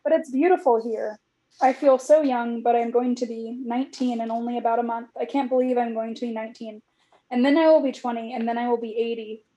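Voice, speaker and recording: A woman from California in her thirties reads aloud from her old journals in a casual chat. Her voice sits a little high but sounds mellow and warm. She talks in a reflective way and often says "like". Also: fairly even intonation, fairly quick. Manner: reflective, with frequent "like" fillers.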